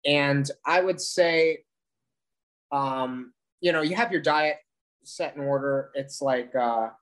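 A man speaking as a podcast guest in casual interview chat, haltingly thinking aloud as he explains. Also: fairly high pitch, fairly bright tone. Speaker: podcast guest, occult practitioner.

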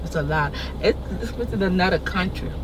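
A woman's voice: lowish voice, a little fast. A middle-aged woman with a Southern Florida accent and a folksy drawl, chatting casually and repeating her phrases as she rambles. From Florida, United States. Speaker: passenger being interviewed. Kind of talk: casual chat. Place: inside a car. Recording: noisy moving vehicle, road noise.

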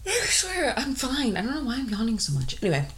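Animated woman recapping a film, laughing. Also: fairly high pitch, a little fast. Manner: animated, laughs often, acts out characters' lines. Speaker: podcast co-host. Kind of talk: casual chat recapping a film.

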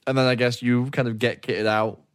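A man's voice: medium pitch, flat delivery, a little fast, clean tone, dry recording, studio quality. A man narrating as game master in a casual way, with many fillers.

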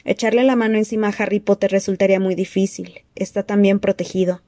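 A cowering, fawning servant man who stammers and squeaks with panic, voiced by a woman. The voice stays mellow and dark underneath, dry and close to the mic, as in a storybook reading. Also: steady tone, fast talker, dry recording, close to an everyday voice. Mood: panicky.

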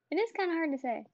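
A woman's voice: high-pitched, a little mellow, no room sound, lo-fi sound. A woman co-hosting a podcast from home, chatting easily with short agreeing replies over an online voice call. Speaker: podcast co-host. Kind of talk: casual podcast chat.

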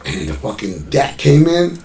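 A man's voice: medium pitch, normal speed, gravelly, roomy sound. A man telling a story in casual, profane chat, acting out the voices of the people in it. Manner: animated, profane, acts out voices.

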